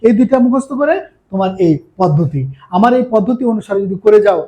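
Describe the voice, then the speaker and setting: A man's voice: high-pitched, animated, quick pace, dark tone, muffled recording. A man giving a chemistry lecture, explaining step by step and often checking if students follow. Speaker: chemistry teacher. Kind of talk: classroom lecture.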